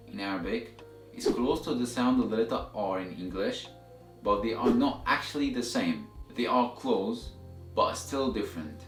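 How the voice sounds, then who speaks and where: A man giving a step-by-step language lesson as a teacher, explaining methodically and repeating examples for learners. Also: fairly low pitch. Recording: roomy echo, distant mic, music behind.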